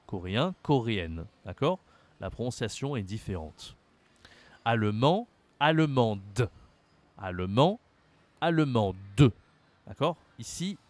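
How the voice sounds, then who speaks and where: This French lesson comes from a man from France with a mid-range voice. He addresses the learner directly and slows down to over-articulate the example words.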